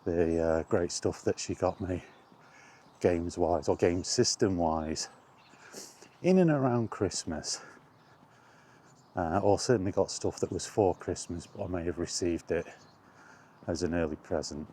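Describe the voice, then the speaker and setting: This is the host of a retro gaming vlog shot while walking, a man whose voice is low and mellow. He muses in brief, relaxed phrases as he strolls, with outdoor sounds in the background.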